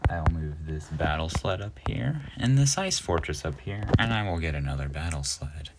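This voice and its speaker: A man's voice: very deep voice, animated, moderate pace, background noise. A man giving laid-back commentary over his own strategy game, narrating each move and chuckling at himself. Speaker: gaming youtuber. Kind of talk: casual gameplay commentary.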